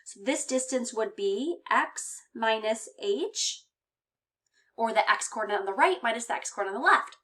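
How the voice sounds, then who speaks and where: A woman's voice: on the high side, expressive, normal speed, fairly bright tone. A woman teaching a math lesson in a slightly raised voice. She walks through each step patiently and plainly, with frequent reminders for her students. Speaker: high school math teacher.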